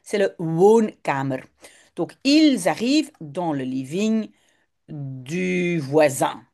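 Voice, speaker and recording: A language teacher reads a short text and explains it word by word at an unhurried pace, patient and thorough like a tutor going through a lesson. Her voice is sing-song and a little mellow, moving freely up and down in pitch as she explains.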